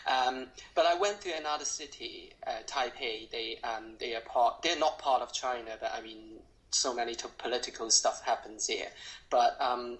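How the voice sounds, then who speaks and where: Really deep-voiced woman, strong cantonese accent, chatting thoughtfully, kinda halting, keeps rewording stuff. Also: fairly bright tone, low-quality recording. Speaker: drama school voice teacher. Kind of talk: informal spoken reflection.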